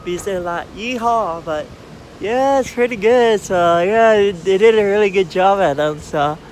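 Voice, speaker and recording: Man talking through new dentures, high voice. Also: normal speed, a little hiss or hum. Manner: rambling, filler-heavy, upbeat. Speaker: vlogger. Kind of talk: casual vlog chat.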